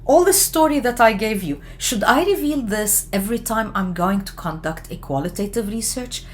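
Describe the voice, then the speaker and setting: A woman from Lebanon giving an explanatory lecture on research methods, talking in a measured way with frequent fillers and self-corrections. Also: fairly high pitch, animated, slight background noise. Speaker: education lecturer.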